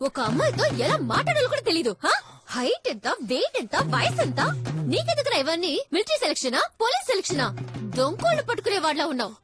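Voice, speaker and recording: An actress in her twenties playing a fiery, insulted young woman, scolding fast with a Telugu accent. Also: very high voice, wildly swooping pitch, music in the background, heavily acted. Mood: furious. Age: 20s. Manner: angry, scolding, rapid. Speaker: film heroine.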